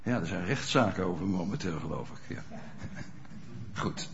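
A man's voice: deep voice, unhurried, a little hiss or hum. A man preaching a sermon in a conversational way, often checking whether listeners are following, in a dull lo-fi recording. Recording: dull lo-fi sound.

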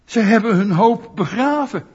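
A man preaching a sermon, animated and often putting questions to his listeners. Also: sits high, normal speed, slightly rough. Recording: dull lo-fi sound.

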